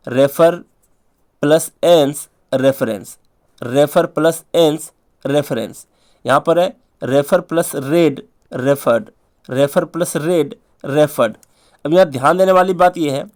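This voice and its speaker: A man teaching an English spelling lesson in Hindi, drilling each word over and over in a sing-song way with quick asides. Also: on the high side. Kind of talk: spelling lesson for exam prep.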